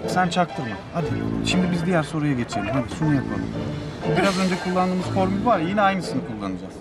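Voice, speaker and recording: An actor playing a young male math tutor, talking in a hurried, pleading way in a TV series scene. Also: fairly high pitch, very animated, loud music behind the voice. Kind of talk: TV series acting.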